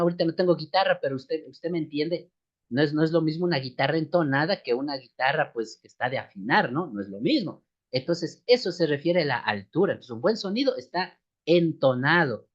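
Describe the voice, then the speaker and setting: A man with a slight cold teaching a church music lesson, explaining step by step and calling his listeners sisters and brothers. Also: fairly high pitch. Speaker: seminary teacher. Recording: dull lo-fi recording.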